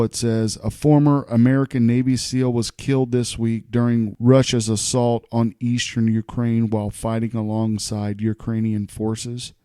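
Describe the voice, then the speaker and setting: A man's voice: medium pitch, warm tone, smooth, dry recording, clean studio sound. A man in his forties hosting a solo podcast, offhand and opinionated as he reads news aloud with asides. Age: 40s. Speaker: podcast host. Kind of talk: casual solo podcast commentary.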